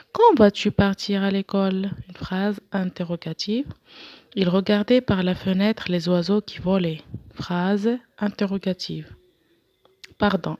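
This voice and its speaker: A woman's voice: medium pitch, a little mellow. A woman teaching a grammar lesson, reading each exercise aloud and explaining it patiently, one step at a time. The recording sounds slightly muffled and lo-fi, with a dry, close sound and no room echo.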